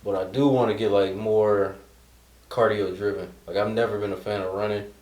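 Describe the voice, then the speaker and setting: A young man with a low voice chats in an easygoing, joking manner. The recording sounds roomy and echoey. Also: steady tone, normal speed, a little mellow. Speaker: co-host. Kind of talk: casual chat. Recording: echoey room.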